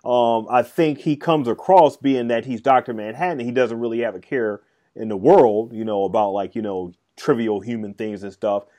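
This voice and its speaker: Mellow-voiced man rambling in casual chat. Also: medium pitch, normal speed. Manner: rambling, hesitant, many fillers and restarts. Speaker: podcast co-host discussing a film and comic.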